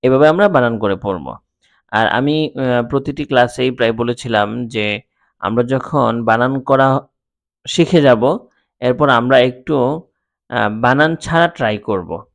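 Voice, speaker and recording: A man with a Bangladeshi Bengali accent teaching Quran reading, calmly spelling out syllables and chanting the words slowly. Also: medium pitch, gravelly, no echo. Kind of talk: slow spelled-out Quran lesson.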